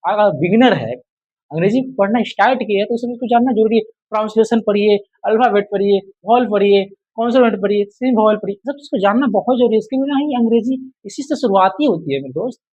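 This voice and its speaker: High-voiced man drilling English rules. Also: fast, darkish tone, breathy edge, lo-fi sound. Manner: repetitive quizzing, drills answers aloud; addresses viewers as friend and brother. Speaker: English teacher. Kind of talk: casual spoken lesson.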